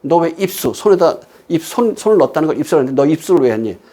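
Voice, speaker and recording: Middle-aged male pastor, slightly high voice, chatty sermon commentary full of anecdotes and pointed rhetorical questions. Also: sing-song, rapid-fire, mellow. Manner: storytelling with quoted dialogue, emphatic rhetorical questions.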